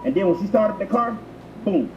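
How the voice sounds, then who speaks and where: With a high, expressive voice and a brisk delivery, this prank tutorial narrator gives mock instructions full of slang and profanity for comic effect. It comes through an echoey, muffled intercom with transit noise around it.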